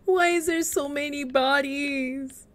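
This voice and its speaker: A woman's voice: high voice, steady tone, takes it slowly, fairly bright tone. A young woman giving casual gameplay commentary, talking to the game characters in a jumpy, giggly way. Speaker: let's play gamer.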